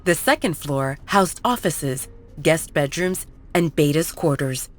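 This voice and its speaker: A woman with a voice low for a woman reads a scripted audiobook story in an even, measured way, with soft background music beneath her.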